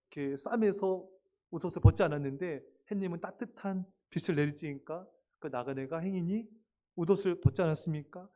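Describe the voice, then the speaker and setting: A man with a notably high voice preaches to a room of teenagers. He keeps it loose and conversational, throwing questions at the young listeners. Now and then he briefly acts out other voices. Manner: lively and chatty, asks the young listeners questions; acts out short voices in passing. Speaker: pastor. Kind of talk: sermon to youth. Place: church service.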